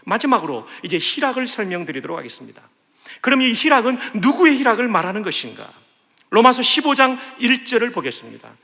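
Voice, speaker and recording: A man preaching a sermon as a pastor, leading the congregation in call-and-response and swinging between loud exhortation and soft asides. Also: extremely high pitch, very animated, quick pace, creaky. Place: large church sanctuary. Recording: long hall reverb of a large church.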